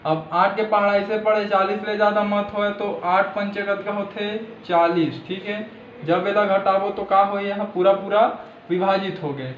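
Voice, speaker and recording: A man with a Chhattisgarhi accent explains a maths exercise patiently, checking in after nearly every step. His voice sits fairly high. The room is echoey and the sound is a little dull, with faint hiss. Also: fairly bright tone. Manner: repeats "thik hai" as a check-in, addresses viewers as friends. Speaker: maths teacher. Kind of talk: step-by-step classroom lesson.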